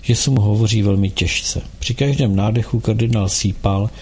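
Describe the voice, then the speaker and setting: A male radio host reading a novel aloud at a calm, steady pace. His voice sits low and has plenty of gravelly fry, with a husky, slightly rough texture.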